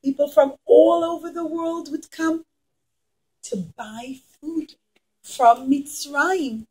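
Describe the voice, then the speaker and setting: A woman's voice: high voice, slow, a little mellow, low-quality recording. A middle-aged woman teacher telling a story to young children in simple, emphatic, repetitive phrases. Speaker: preschool teacher. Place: indoors in a classroom.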